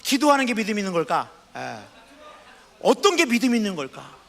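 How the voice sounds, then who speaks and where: A man preaching a sermon as pastor, asking the congregation questions and reading scripture aloud slowly. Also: high voice, very animated, creaky, a bit bright, long reverb tail. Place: church sanctuary.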